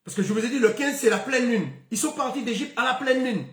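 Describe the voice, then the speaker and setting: A man's voice: very high-pitched, fast talker, roomy sound. A man giving a spoken Bible lesson, stopping often with fillers and repeated words. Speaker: Bible teacher.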